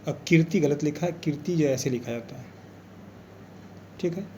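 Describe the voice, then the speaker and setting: A man's voice: fairly high pitch, moderate pace, a little mellow, a little hiss or hum. A man teaching an exam revision lesson, explaining patiently and repeating key words as he goes.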